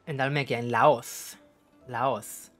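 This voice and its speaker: A man's voice: mid-range voice, fairly even intonation, slow, fairly bright tone, soft background music. A man with an accent from Spain giving jokey, casual let's-play commentary, talking to the screen and swearing freely. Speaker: gaming streamer.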